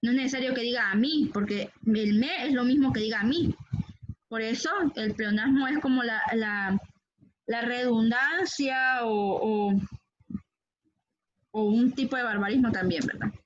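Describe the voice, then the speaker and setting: A woman's voice: fairly high pitch, a little slow. A woman teacher giving a grammar lesson to her class, patiently repeating words and checking in with "¿verdad?". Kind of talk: online Spanish grammar lesson. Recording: dull lo-fi recording.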